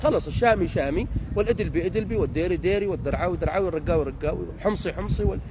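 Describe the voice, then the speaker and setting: Fast, high-voiced man from Deir ez-Zor, ranting. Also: noisy background. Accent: Deir ez-Zor Syrian Arabic. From Deir ez-Zor, Syria. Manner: mocking, sarcastic, mimics other dialects. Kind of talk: ranting street monologue.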